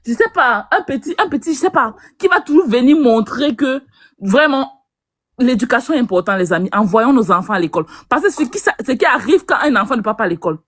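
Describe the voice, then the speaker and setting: A woman on a live stream delivers a heated rebuttal, scolding and mocking, tripping over repeated syllables. Her voice sits fairly high for a woman. The sound is dry and close, with no room echo. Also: animated, brisk, a bit bright. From Cameroon.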